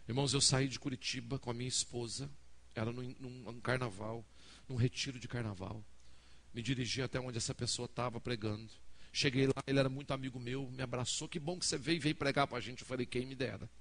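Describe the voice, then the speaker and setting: A man from Brazil, a pastor preaching a sermon, telling a story and acting out each person's lines to the congregation. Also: mid-range voice. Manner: dramatic storyteller acting out dialogue, addressing the congregation. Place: church hall.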